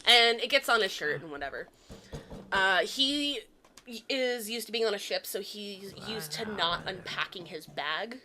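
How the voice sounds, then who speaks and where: A young woman casually telling a childhood story among friends, animated and quick to laugh. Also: medium pitch, crowd noise. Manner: animated, laughs often, acts out quoted lines. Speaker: storyteller in a gaming chat.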